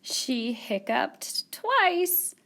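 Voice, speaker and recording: A woman hosting children's story time at a public library tells stories and sings to young listeners in a sing-song, encouraging way, pausing as if waiting for their answers. Her voice is high, very animated, creaky and fairly bright. The recording has a roomy echo and a distant microphone.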